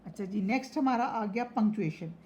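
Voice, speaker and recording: A woman's voice: medium pitch, brisk, a little mellow, muffled recording, slight background noise. A woman teaching an English lesson, explaining words and spelling them out letter by letter. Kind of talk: lesson explaining vocabulary and syllables.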